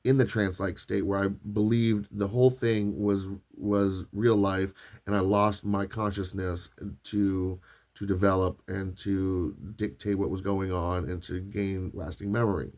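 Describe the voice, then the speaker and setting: A man's voice: low-pitched, flat delivery, measured pace, a little mellow. A man hosting a podcast, telling a long personal story in a loose, rambling way with frequent restarts and filler words. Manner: rambling, restarts often, many fillers like "like" and "right". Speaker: podcast host. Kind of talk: casual storytelling monologue.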